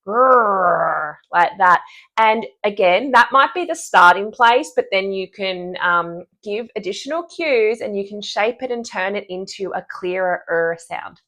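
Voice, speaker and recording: A woman's voice: mid-range voice, lively intonation, moderate pace, few pauses, a bit bright. Upbeat woman speech therapist walking through kids' sound cues, acting out each sound, mid-range voice. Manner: upbeat, demonstrates sounds and gestures. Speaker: speech-language pathologist.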